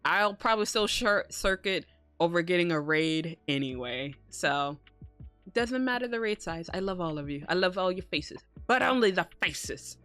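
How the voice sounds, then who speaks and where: Female streamer, bubbly and cute yet on the lower side in pitch, loose sweary chat, music underneath. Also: expressive, normal speed, a bit bright, clear, resonant tone. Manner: casually sweary. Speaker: streamer hosting a live stream. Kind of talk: casual live-stream chat to viewers.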